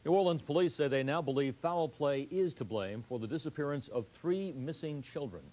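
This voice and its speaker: A man's voice: a little high, fairly quick, dark tone, low-quality recording. A man anchoring a news broadcast, reading scripted stories.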